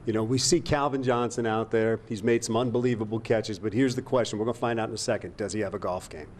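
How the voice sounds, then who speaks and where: A man's voice: lowish voice, steady tone, quick pace, darkish tone. Guy hosting tv sports outdoors, upbeat, leading questions, faint background hum. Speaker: TV sports host. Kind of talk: broadcast interview. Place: outdoors at a golf event.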